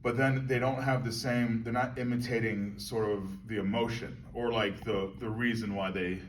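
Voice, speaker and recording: A man's voice: on the low side, steady tone, normal speed, slight background noise. A man in a casual convention interview, talking about acting in a musing, meandering way and laughing often. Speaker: actor being interviewed. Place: convention hall. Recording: distant mic with faint crowd ambience.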